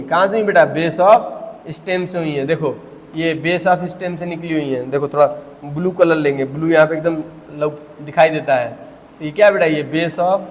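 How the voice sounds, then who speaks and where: A young man teaching a biology lecture, chatty and joking, calling his students "beta". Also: a little high. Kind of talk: classroom lecture. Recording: reverberant classroom.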